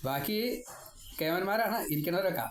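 A man teaches a devotional scripture lesson, chanting verses slowly and then explaining them in a rambling, personal manner. His voice sits a little high. The room is echoey, with faint ambient noise behind him. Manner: rambling, personal, wry asides. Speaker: Bhagavatam teacher.

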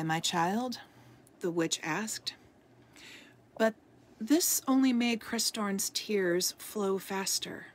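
A woman reading a storybook aloud as a podcast host, soft-spoken and at times dropping into a whisper. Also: mid-range voice, a little hiss or hum.

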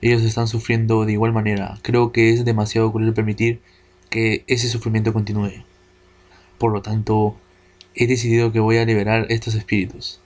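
Solemn game spirit guardian, read by a man in a low, plain voice. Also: completely flat delivery, moderate pace, darkish tone, natural voice.

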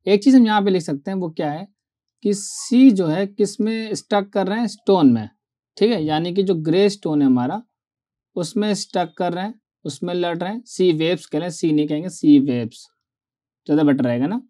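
A male teacher giving an online poetry lecture, reading verse lines out slowly and often checking whether students have followed. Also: high voice, dark tone.

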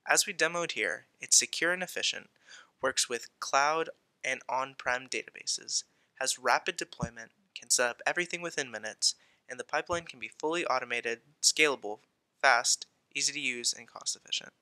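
A man with a very bright, sharp voice reads through a scripted product overview, listing the features one after another. The sound is dry and close, with no room around it. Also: mid-range voice, moderate pace, no echo. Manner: reads a promotional summary point by point. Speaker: product presenter.

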